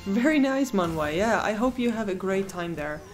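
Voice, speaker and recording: Faint music plays behind a young Dutch co-host on a live casino stream as she chats with viewers and comments on the game. Her mid-range, Dutch-accented voice is expressive and moves at a normal speed. She reads the chat out loud and squeals whenever there's a win.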